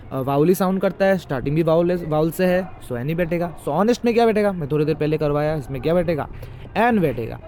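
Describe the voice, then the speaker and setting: A man's voice: high voice, a little mellow, a little hiss or hum. A man teaching English grammar in a classroom style, explaining and quizzing the listener with repeated questions.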